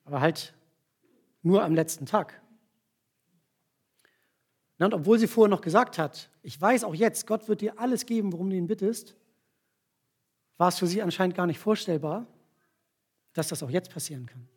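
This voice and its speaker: A man's voice: high-pitched, animated, a little mellow, slightly rough. A man preaching a sermon, retelling a Bible story with volunteers acting it out, often checking in with the listeners with tag questions. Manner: explains slowly with frequent tag questions.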